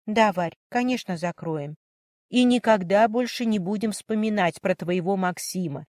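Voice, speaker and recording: A woman's voice: medium pitch, moderate pace, a little mellow, no echo, close to an everyday voice. Woman reading worried young woman, pleady and fussy, dry close mic. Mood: pleading. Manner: pleading, fussing. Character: worried, emotional young woman, older sister figure.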